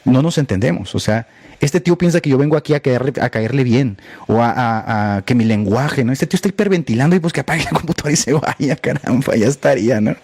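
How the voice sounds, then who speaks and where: A man's voice: mid-range voice, fast, a little mellow, husky, no room sound. A man hosting a livestream podcast, talking bluntly and sarcastically and aiming his lines at one critic. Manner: repeatedly addresses a critic by name. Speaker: podcast host. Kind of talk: livestream monologue.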